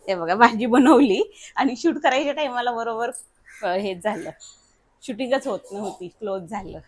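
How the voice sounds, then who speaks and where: A woman's voice: fairly high pitch, normal speed, background noise. A young woman, chatting casually through a family vlog at home and coaxing her child along. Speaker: vlogger and mother.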